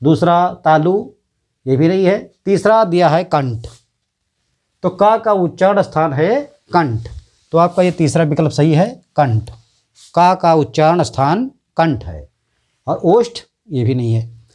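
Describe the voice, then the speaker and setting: A man teaching an exam-prep lesson in a Hindi accent, repeating each letter and answer slowly. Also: on the high side, lively intonation, darkish tone.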